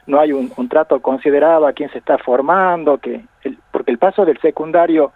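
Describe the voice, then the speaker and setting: A man's voice: on the high side, brisk, no room sound. A man with an Argentine accent, a university professor speaking as a radio guest, reflective and laughing often. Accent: Argentine Spanish. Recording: phone line on radio.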